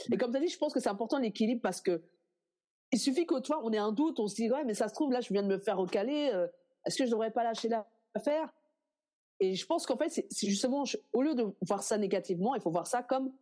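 A young woman, an actress being interviewed, chatting casually and telling lively stories in which she acts out what other people said. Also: a little high. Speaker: actress guest.

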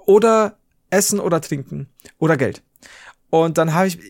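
A man hosting a podcast, telling a story in casual chat and acting out the quoted dialogue with big leaps in pitch, swearing casually. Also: moderate pace, creaky. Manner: swears casually, rambling restarts. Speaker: podcast host.

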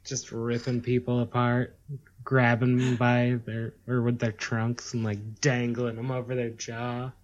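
Slow-talking man on a dull lo-fi mic. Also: mid-range voice, completely flat delivery. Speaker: podcast co-host. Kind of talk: casual chat.

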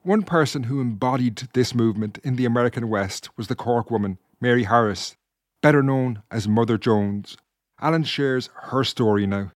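A male documentary presenter with a mid-range voice reads scripted narration. His delivery is even and steady. The recording is dry, with no room sound. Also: medium pitch, moderate pace, no room sound. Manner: even, read-aloud delivery. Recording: dry close studio sound.

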